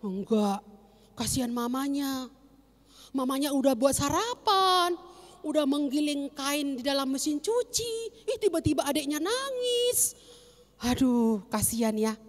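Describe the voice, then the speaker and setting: Young woman doing sunday school for kids, high voice, asks then answers herself, echoey reverb. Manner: animated, asks children questions and answers them herself. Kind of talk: children's Sunday school lesson.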